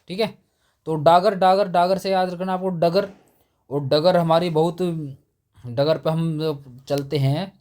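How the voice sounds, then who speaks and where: A man walks students through quiz memory tricks. He talks in a somewhat high voice and makes each name stick with playful rhymes. He breaks into little acted-out quotes as he goes. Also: a little mellow. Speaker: teacher. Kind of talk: exam mnemonic lesson.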